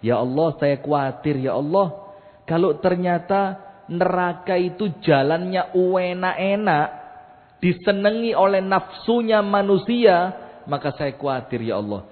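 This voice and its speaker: A man voicing an anxious angel who pleads in a low, hushed voice, recorded in an echoey hall. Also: animated, measured pace. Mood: worried. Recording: echoey hall on a tinny phone-like line.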